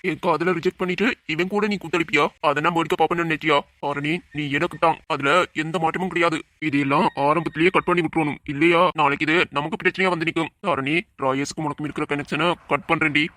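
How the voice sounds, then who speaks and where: A man's voice: fairly high pitch, fairly even intonation, fast talker, hardly any pauses, bright, forceful tone. A man playing a bitter, possessive young man who plots after being rejected in a Tamil audio drama.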